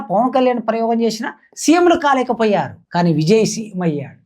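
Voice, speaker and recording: A woman giving impassioned spoken commentary, declaiming and piling up rhetorical questions like a political commentator. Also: on the high side.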